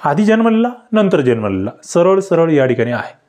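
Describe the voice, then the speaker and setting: Guy teaching exam grammar online, keeps asking viewers questions, voice jumps up on key words. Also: normal speed. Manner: animated, leaps up in pitch to stress words. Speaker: exam-prep tutor.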